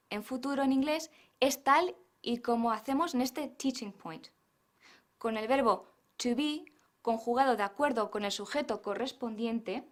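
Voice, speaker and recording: A woman giving scripted narration for an English lesson, explaining grammar and pronunciation in Spanish with English examples. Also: on the high side.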